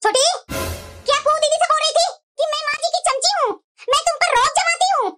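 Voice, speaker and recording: A voice actor playing a hot-tempered elder daughter-in-law in a cartoon, sharp and scolding. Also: very high-pitched, a little fast, soft background music. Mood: angry. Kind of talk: cartoon voice acting.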